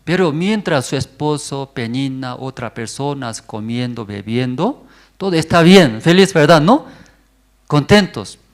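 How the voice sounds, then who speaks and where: A male pastor leads a church prayer service at an unhurried pace. He speaks in short, simple bursts and keeps checking in with his listeners after nearly every phrase. His questions to the congregation rise loud and animated, set against a mid-pitched voice. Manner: constantly checks in with the congregation with a rising 'mm?' and 'verdad, no?'.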